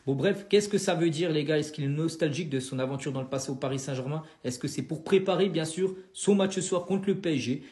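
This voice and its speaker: A man recapping football news quickly, peppering his speech with fillers. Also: a little high, a little mellow, echoey room. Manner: rapid, filler-heavy with frequent "hein".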